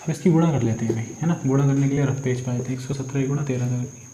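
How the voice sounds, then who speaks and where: A man's voice: mid-range voice, fast talker, dark tone. A man teaching physics, working through numerical problems step by step. He asks questions and answers them himself, and addresses his students as "beta". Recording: echoey room, faint insect noise.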